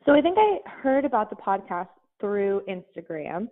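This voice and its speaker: A young woman guest on a podcast, friendly and quick to laugh, talking casually. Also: medium pitch, big pitch swings. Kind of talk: casual interview chat. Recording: tinny phone-like line.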